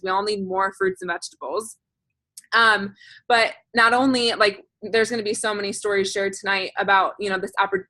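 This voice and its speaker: A woman's voice: medium pitch, sharp tone, dry recording, low-quality recording. A woman hosting a group video call, giving a chatty, emphatic and informal sales presentation. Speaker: host of a group business call.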